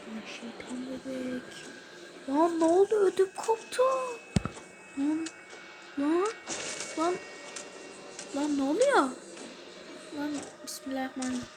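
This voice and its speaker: A woman commenting on a horror game as she plays, swearing a lot and swinging between loud threats and hushed whispers. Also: sits high, lively intonation, unhurried, long pauses, over music. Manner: scared, swearing often. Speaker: gamer.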